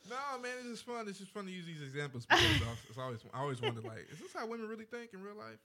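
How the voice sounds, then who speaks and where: A man's voice: high voice, sing-song, very fast, bright, forceful tone. A man hosting a casual podcast chat, playful and joking as he leads the discussion. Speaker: podcast host.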